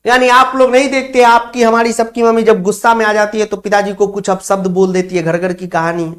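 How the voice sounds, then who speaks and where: A man's voice: high-pitched, flat delivery, a little fast, fairly bright tone. Man teaching. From Bihar, India. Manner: explains word by word, repeats points to students. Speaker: Sanskrit teacher. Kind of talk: online class lecture.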